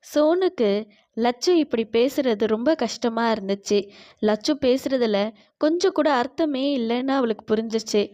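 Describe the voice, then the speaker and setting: High-voiced woman narrating a cartoon story. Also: expressive, normal speed, warm tone.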